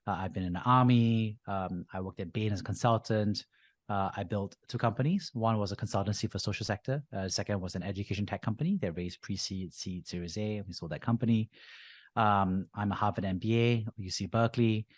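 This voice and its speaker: A Singaporean man in his thirties, a venture capitalist, tells his story as a guest on a podcast in a casual interview style. His voice is fairly low and steady and he talks fairly quickly, with no room sound. He's easygoing and drops in frequent "uh" and "you know" fillers.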